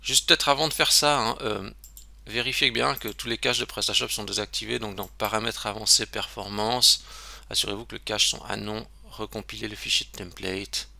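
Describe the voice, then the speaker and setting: A man's voice: lowish voice, steady tone, normal speed, gravelly, sharp tone, no room sound. A man giving a casual screen-recorded web tutorial, chatty and self-interrupting, with lots of fillers.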